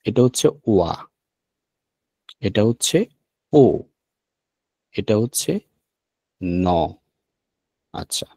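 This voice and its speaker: A man with a Bangladeshi Bengali accent teaching an online language lesson, slow and patient, repeating each sound. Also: mid-range voice, dark tone, breathy edge, no room sound.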